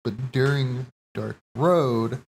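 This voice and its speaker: With a gravelly, medium-pitched voice and a little hiss or hum on the audio, a man streams rambling theory commentary. He thinks aloud in halting fashion, swears casually and keeps correcting himself.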